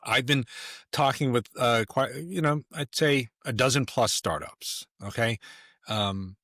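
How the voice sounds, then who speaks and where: A man's voice: mid-range voice, a little slow, fairly bright tone, dry recording, studio quality. A man talking as a podcast guest in casual conversation, emphatic and rambling, with many restarts.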